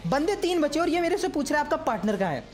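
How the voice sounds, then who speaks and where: A man giving casual, joking commentary over footage of his own mobile game match. He speaks at an ordinary pitch and keeps addressing viewers as brothers. Faint music plays under his voice. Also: very animated, very fast. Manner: chatty, teasing, keeps saying "bhai sahab".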